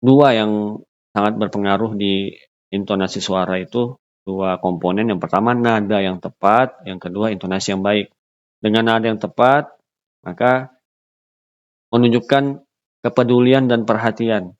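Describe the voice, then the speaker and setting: A man gives an unscripted lecture in a lowish, steady voice, halting with fillers and restarting phrases as he explains. The recording is dull and lo-fi.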